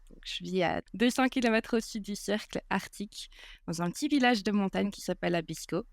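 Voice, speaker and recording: A woman, a podcast guest chatting casually and pausing often with fillers. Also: medium pitch, no room sound, clean studio sound. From Belgium. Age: 20s. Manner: hesitant, many filler pauses. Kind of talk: casual interview chat.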